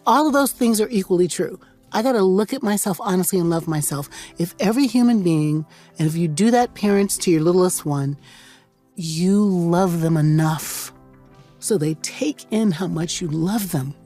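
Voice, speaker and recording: Woman, podcast host, reverend, exuberant, emphatic, lowish voice, faint music behind. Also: lively intonation, moderate pace. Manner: exuberant, emphatic and playful, shifts between loud and soft. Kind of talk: casual podcast conversation. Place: New York.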